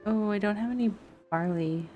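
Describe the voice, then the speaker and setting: This female game streamer muses to herself as she plays, offering casual live commentary. She has a medium-pitched voice at a normal speed, and the recording is muffled. Background music and game sound run behind her.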